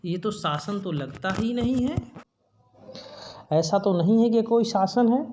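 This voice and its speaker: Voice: mid-range voice, animated, unhurried, mellow. A teacher explaining a poem verse by verse, paraphrasing each line and dictating worksheet answers for students to write down.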